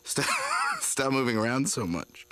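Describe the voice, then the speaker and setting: A man voicing a rambling, giggly, intoxicated cartoon peanut who works as a cop, in a slow drawl. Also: mid-range voice, huge pitch swings, pushed and bright, a little hiss or hum, heavily acted, poor audio. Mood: dazed bossiness. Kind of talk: cartoon voice acting.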